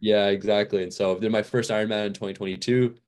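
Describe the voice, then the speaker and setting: A young man with a very low, deep voice, chatting as a podcast guest. He rambles easily with lots of "like" and "uh," a touch worn out from training. Relaxed and unscripted. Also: fast. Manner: rambling, many fillers and restarts. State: a little fatigued. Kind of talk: casual interview chat.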